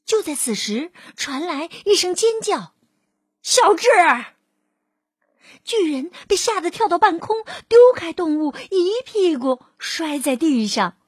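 A woman narrating a children's storybook in an expressive, drawn-out manner. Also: very high-pitched, dry recording, studio quality.

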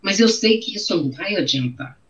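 A woman's voice: mid-range voice, expressive, fairly quick, fairly bright tone. A middle-aged woman with a Brazilian accent, telling her own story in an interview, emotional and repeating her phrases. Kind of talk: personal testimony in an interview. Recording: dull, muffled audio.

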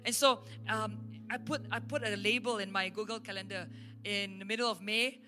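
Malaysian lady pastor preaching, bright forceful voice, soft music playing behind. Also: mid-range voice, normal speed. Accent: Malaysian English. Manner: emphatic, animated storytelling. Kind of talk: sermon storytelling. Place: church service. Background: faint instrumental worship music.

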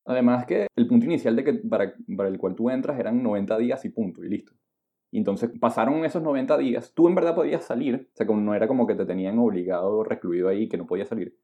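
A man's voice: fairly low pitch, quick pace, phone-quality sound. A man co-hosting an interview with reflective, affirming follow-ups. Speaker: co-host interviewer. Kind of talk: conversational interview.

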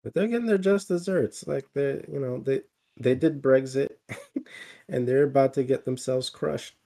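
A man's voice: mid-range voice, measured pace, vocal fry, dark tone. A man co-hosting a casual podcast chat, rambling with lots of fillers and restarts.

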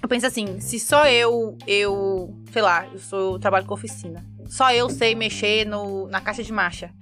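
A young woman from Montes Claros in northern Minas Gerais, a guest with a Mineiro Brazilian Portuguese accent, tells a story in a chat at medium pitch and moderate pace. She's animated and self-dramatizing, voicing what everyone said in lively tones, with soft music in the background.

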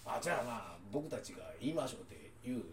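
A man's voice: medium pitch, very animated, racing, a crowd in the background. A man with an Ehime accent from Shikoku, explaining insistently in a mock-scholarly way during casual banter. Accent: Ehime, Shikoku Japanese.

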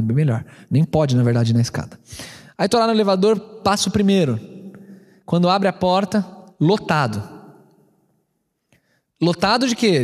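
Animated São Paulo pastor in a reverberant hall. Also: male voice, sits high, slightly rough. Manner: animated, acts out both sides of a quarrel. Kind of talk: storytelling sermon.

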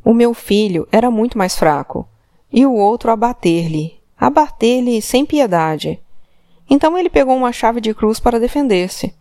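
A woman's voice: a little high, lively intonation, unhurried, warm tone, dry recording, clean studio sound, pitched above the performer's own voice. A woman voicing an older Portuguese man from Trás-os-Montes, a tearful father who gives terse, subdued answers. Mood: pleading.

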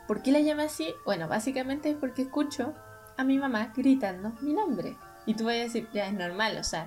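A woman's voice: on the high side, darkish tone. A young woman with a Chilean Spanish accent, telling a story in casual, rambling chat full of fillers. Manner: rambling, chatty, many fillers. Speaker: podcast co-host telling stories.

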